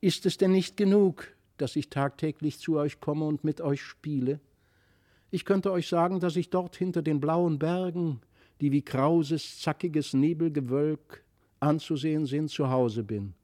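A man reading the lines of a mysterious fairy child in a fairy-tale audiobook, softly earnest and wistful. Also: fairly high pitch, measured pace, no echo, clean studio sound, pitched above the performer's own voice, lightly acted. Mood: gentle.

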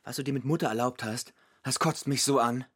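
An actor playing a furious older brother in a radio drama, scolding and shouting at his younger brother to defend their parents. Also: mid-range voice, a little fast, slightly rough.

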